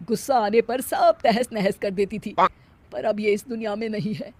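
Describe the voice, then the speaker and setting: A woman's voice: mid-range voice, fairly even intonation, moderate pace, mellow, lightly acted. Woman putting on a kindly, emphatic older father-in-law. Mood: solemn.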